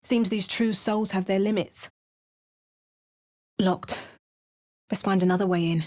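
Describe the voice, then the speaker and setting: A woman's voice: medium pitch, steady tone, unhurried, darkish tone, lightly acted. A woman voicing a self-assured young adventurer who delivers game voice lines with dry, wry asides. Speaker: player character adventurer.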